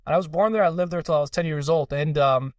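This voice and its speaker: Man from Iran, young adult, podcast guest; quick earnest storyteller, a touch high, dry slightly distant mic. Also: no room sound. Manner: fast, earnest storytelling with many fillers. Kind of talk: casual interview conversation.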